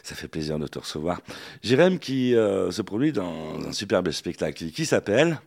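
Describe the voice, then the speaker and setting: A man's voice: deep voice, very animated, normal speed, vocal fry, darkish tone, slightly rough. A man hosting a radio talk show, teasing his guest in a loose, playful chat. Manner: playful, teasing, many fillers.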